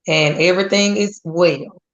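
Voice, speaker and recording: A woman in her forties giving a grateful, steady personal testimony as a guest. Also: on the low side, measured pace, background noise. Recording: dull lo-fi audio.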